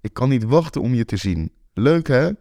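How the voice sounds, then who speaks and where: An affectionate, cheerful middle-aged hippie mother, read by a male narrator speaks brightly. Her lines sound a little higher than the narrator's own voice. The sound is close and dry. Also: animated, normal speed, no room sound, natural voice.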